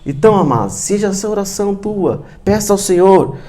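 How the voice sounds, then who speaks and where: Earnest Brazilian pastor with a mellow voice. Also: male voice, high-pitched, expressive, a little fast. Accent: Brazilian Portuguese. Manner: earnest, repeats "amados", drops into quiet emphasis. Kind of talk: sermon. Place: church.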